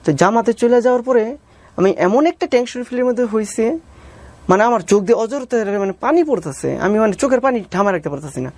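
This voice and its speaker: A man with a Bangladeshi accent tells his own story in an interview, deferentially calling the interviewer sir and reenacting conversations as he goes. His voice sits high and a little mellow, with lively intonation and a brisk pace. There's no echo.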